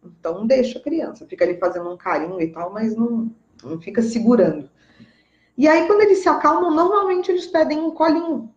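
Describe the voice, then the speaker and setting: A woman's voice: on the high side, lively intonation, fairly quick, echoey room, dull audio. A woman with a Brazilian Portuguese accent, a parenting educator giving casual, emphatic advice and often checking in with her listeners.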